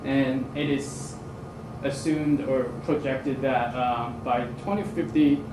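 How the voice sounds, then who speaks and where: A man's voice: medium pitch, fairly even intonation, takes it slowly. A young man, giving a student presentation to a community group in a hesitant way, with many fillers and restarts. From Hong Kong. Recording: roomy, distant mic, noisy.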